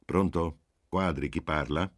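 Wary, measured professor, read by a deep male narrator; low and close. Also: dry recording. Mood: guarded. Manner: doubtful, measured. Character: wary middle-aged male professor, guarded then yielding.

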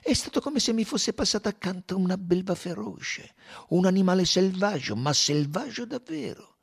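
A man's voice: sits high, expressive, normal speed, creaky, slightly rough, voice pushed up, exaggerated voice. Hercule Poirot, fussy older detective, as a man reads him. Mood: uneasy. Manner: precise, musing, leaning into vivid images. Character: fussy older male detective, sharp and thoughtful.

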